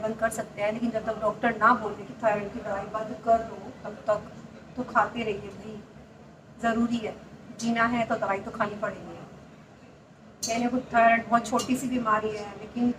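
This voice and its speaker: A soft-spoken woman in her thirties chats casually with her viewers, confiding and a little high in pitch. She sits well back from the mic in an echoey room. A steady hum of noise runs under her voice. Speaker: vlogger. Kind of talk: casual home vlog chat. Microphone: clip-on mic, often away from it. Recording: roomy, distant, noisy home recording. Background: machine running on the gas stove.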